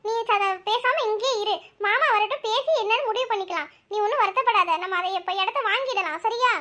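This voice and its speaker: A woman voices a firm older cartoon mother who scolds and comforts her family. The voice is very high, bright and quick. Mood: firm, comforting.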